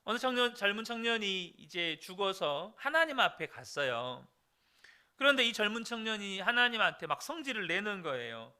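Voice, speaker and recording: Bright, animated preaching man. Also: high voice, moderate pace, smooth. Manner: earnest preaching, addressing the congregation directly. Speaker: pastor. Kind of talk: dawn service sermon.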